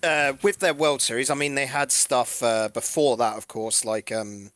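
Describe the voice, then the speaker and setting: A man's voice: mid-range voice, steady tone, moderate pace, a bit bright, clear, resonant tone, no echo. A man co-hosting a casual esports podcast, rambling and hesitant with lots of fillers. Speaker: podcast co-host.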